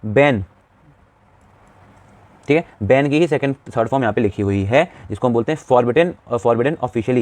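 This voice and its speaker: A young man teaching an English vocabulary lesson at a brisk clip. He often puts a question to his viewers and then answers it himself. The sound is dry and close, with no room around his voice. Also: medium pitch, darkish tone, no echo. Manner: explains, then asks the class questions and answers them himself; often says "theek hai" to check in with the viewer. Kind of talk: classroom lesson explaining vocabulary.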